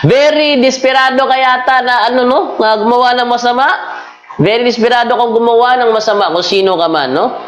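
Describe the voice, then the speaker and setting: A woman's voice: fairly high pitch, normal speed, a bit bright, dull audio. Echoey, argumentative woman repeating her points. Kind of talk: casual religious commentary, reading out chat messages. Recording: echoey room.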